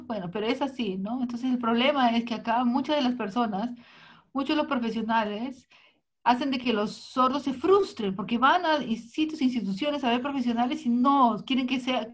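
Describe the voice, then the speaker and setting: Woman interpreter, slightly high voice, halting first-person delivery with restarts. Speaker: sign language interpreter. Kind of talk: live voice interpretation of a talk.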